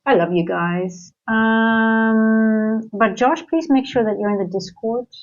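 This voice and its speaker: This livestream host, who grew up in Singapore, speaks slowly in a fairly high voice, thinking aloud through market commentary and viewer chat with lots of fillers and restarts. The recording is muffled, with soft music in the background.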